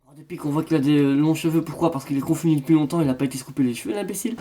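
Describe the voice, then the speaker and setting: A man's voice: on the high side, very fast, dark tone. A man doing a parody horoscope reading, rambling in a mock-solemn fortune-teller manner. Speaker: comedian.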